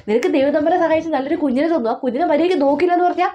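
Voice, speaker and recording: A woman acting as a nagging middle-aged mother in a comic family skit, scolding with rapid questions. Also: sits high, dark tone, muffled recording, close to an everyday voice. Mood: hushed scolding. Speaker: mother of a new mother.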